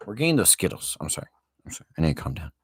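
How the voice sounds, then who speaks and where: A man's voice: low-pitched, sing-song, very fast, slightly rough, dry recording. A young man commentating his own online chess games, swinging between panic and self-hype with self-deprecating jokes. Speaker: chess streamer.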